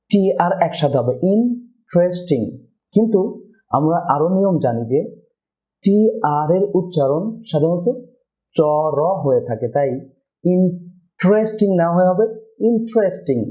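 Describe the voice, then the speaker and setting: Mellow-voiced man teaching pronunciation. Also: a little high, low-quality recording. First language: Bengali. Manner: models words slowly and repeats them, addressing viewers directly. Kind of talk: scripted instructional explanation.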